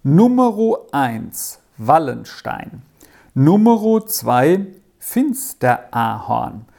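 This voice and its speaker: A kindly older uncle from a storybook speaks in a low, gravelly, mellow voice, as a woman narrator puts him on. He takes his time, genial and fatherly. His delivery stays relaxed and warm. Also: drawn-out words, heavily acted. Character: kindly older gentleman uncle, jovial and unhurried. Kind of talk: audiobook character voice.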